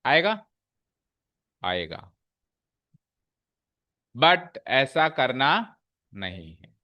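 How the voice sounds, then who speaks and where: A man teaching a maths class, walking through each step and pausing to check that students follow. His voice sits a little high and rings bright and forceful. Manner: explains step by step, checking in with questions. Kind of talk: classroom lesson.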